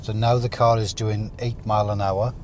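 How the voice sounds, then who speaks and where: A man with a fairly low voice speaks as a driving instructor. He explains things calmly, step by step, while demonstrating at the wheel. The recording is made inside a car, with faint vehicle noise behind him. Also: normal speed.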